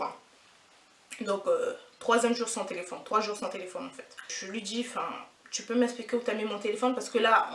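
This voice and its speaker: Indignant young woman, echoey distant mic. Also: on the high side. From France. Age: 20s. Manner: indignant, animated, repetitive slangy retelling. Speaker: vlogger. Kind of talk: casual storytime.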